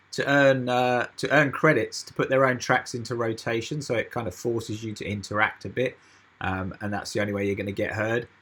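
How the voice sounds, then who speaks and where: A man with an English accent, a guest explaining his project in a casual online interview over browser voice chat, relaxed and hesitant with many ums. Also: medium pitch, slightly rough. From United Kingdom. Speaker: guest, music label founder. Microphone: computer mic through browser voice chat.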